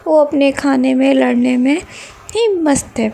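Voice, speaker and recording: A woman narrating a romantic fan fiction story in steady storytelling narration. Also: high voice, unhurried, gravelly, slight background noise.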